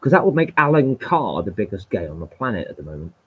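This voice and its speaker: A man's voice: on the low side, sing-song, fast, slightly rough, lo-fi sound. A man hosting a live stream and ranting in a heated, emphatic, sweary monologue.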